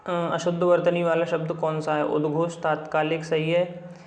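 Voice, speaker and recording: A man's voice: fairly high pitch, completely flat delivery, normal speed, roomy sound. A man teaching Hindi spelling for exams, running through a book's questions and repeating each word over and over with casual asides. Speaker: Hindi exam tutor. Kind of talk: spelling lesson walking through a book.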